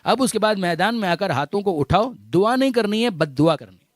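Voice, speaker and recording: A man's voice: sits high, animated, no echo. A male cleric giving a religious lecture, repeating phrases for emphasis, reciting Arabic verses and slipping English words into his speech. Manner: addresses listeners as dear brothers.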